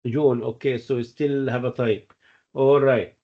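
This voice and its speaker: A man with a mid-range, fairly even voice speaks a little slowly as a medical lecturer and exam coach on a dull online call. He teaches interactively with questions and explanations, repeating points and often checking that students understand.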